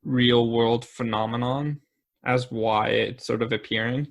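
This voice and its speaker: A man's voice: mid-range voice, steady tone, a little slow, creaky, dull audio. Canadian man making dry jokes on a podcast. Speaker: podcast co-host. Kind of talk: casual podcast chat.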